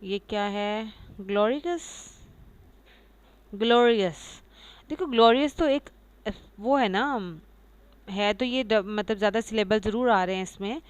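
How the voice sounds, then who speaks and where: A woman giving a pronunciation lecture, explaining patiently, reading English lines slowly and repeating example words. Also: mid-range voice, clean tone, no echo, lo-fi sound. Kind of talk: lecture mixing Urdu and English.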